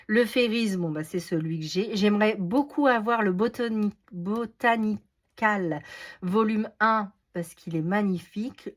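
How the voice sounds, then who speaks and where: A middle-aged woman chatting casually as she shows craft books, hesitating often with fillers. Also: medium pitch. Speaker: craft vlogger. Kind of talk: casual unboxing chat.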